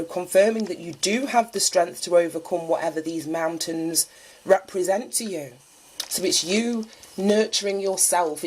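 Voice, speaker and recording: A woman with a fairly low, husky voice, nose stuffed up from a cold. She gives a chatty spiritual card reading, musing aloud and sometimes reading from a guidebook. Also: darkish tone, poor audio. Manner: chatty and musing, thinks aloud with small laughs. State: stuffy-nosed from a lingering cold. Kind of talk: solo divination reading, partly read aloud from a guidebook.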